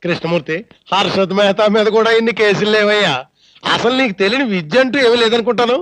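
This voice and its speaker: An actor playing an indignant, sarcastic older uncle in a film comedy. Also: male voice, high voice, fast talker, fairly bright tone, dry recording. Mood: mocking. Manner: sarcastic, mock-grand. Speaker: elderly uncle neighbor. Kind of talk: 1990s film comedy acting.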